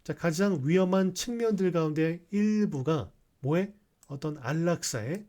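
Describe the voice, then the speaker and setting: Man teaching English grammar, slightly high voice. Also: lively intonation, unhurried, dark tone. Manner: explanatory, mixing Korean with English readings, frequent rhetorical checks. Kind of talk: explaining sentences in a recorded class.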